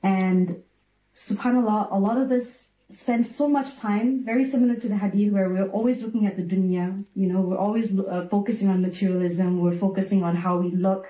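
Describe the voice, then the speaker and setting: A woman's voice: medium pitch, steady tone, a little fast, reverberant, dull audio. A woman from Malaysia hosting a religious interview, asking questions and offering frequent religious blessings. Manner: warm affirmations, religious blessings. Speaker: interviewer, app founder.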